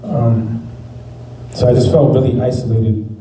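A young man sharing a personal faith testimony, talking in a halting, reflective way with many fillers. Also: mid-range voice, mellow. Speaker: testimony speaker. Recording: echoey room, mic at a distance, faint background noise.

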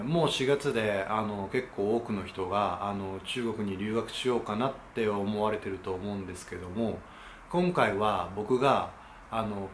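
A man with a lowish voice hosts his own channel, talking casually to camera in a polite explainer with many hesitation fillers. The room is echoey, with faint ambience and a little hiss or hum.

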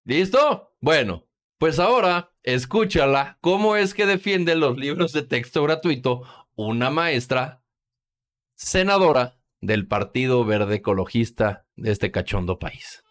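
A man's voice: medium pitch, lively intonation, a little slow, fairly bright tone. A man with a Mexican Spanish accent hosting sarcastic political commentary, crude and mocking, full of slang and swearing. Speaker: host.

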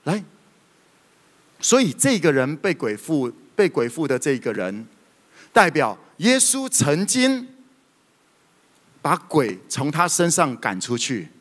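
A man preaching a sermon, telling stories in a lively way with sudden loud outbursts. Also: fairly high pitch, takes it slowly, long pauses. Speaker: pastor. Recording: reverberant hall.

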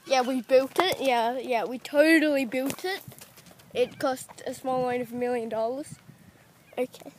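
High-pitched teen girl, slow teasing outdoor vlog, noisy phone recording. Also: fairly even intonation. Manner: teasing, giggly, breaks into shrieks. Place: outdoors in a park and street.

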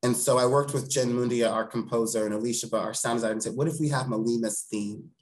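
Speaking fast at medium pitch with fairly even intonation, this thirties-aged theatre director gives a thoughtful interview from a room at home over video call. He's earnest and eloquent, repeating phrases for emphasis, on poor audio.

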